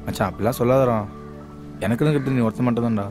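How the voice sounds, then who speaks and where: A man's voice: medium pitch, fairly even intonation, fast, music in the background, lightly acted. Lovesick pleading young man, played by an actor.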